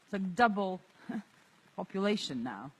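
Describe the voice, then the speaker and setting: Soft spoken guy streaming live outside, thoughtful, second-language english. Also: high-pitched, sing-song, measured pace, slight background noise. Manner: soft-spoken, reflective, laughs often. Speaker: livestream host. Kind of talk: casual livestream vlog. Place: outdoors in an abandoned area.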